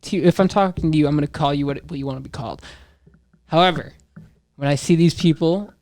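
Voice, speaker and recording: A man's voice: a little high, fast, a little mellow, dry recording, studio quality. A nineteen-year-old man from Wisconsin, a podcast guest who thinks aloud in a casual, rambling way with trailing asides.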